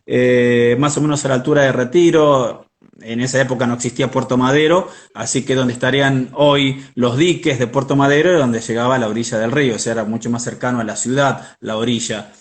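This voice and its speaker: A man with a Buenos Aires Argentine accent, telling history conversationally with wry, playful asides. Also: mid-range voice. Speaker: history segment presenter.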